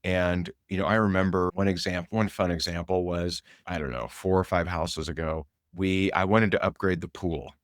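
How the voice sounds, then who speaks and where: Middle-aged male sales coach, deep voice, energetic and emphatic, dry recording. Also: normal speed, hardly any pauses, dry recording. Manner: energetic, emphatic, repeats key points; casual, conversational storytelling. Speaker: sales coach and show host. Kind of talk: motivational sales talk.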